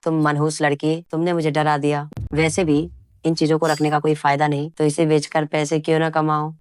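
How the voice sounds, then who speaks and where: A woman's voice: sits low, flat delivery, normal speed, a little mellow, smooth, no room sound, lightly acted. A woman voicing a greedy, harsh mother in a dubbed drama who scolds her daughter. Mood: scolding.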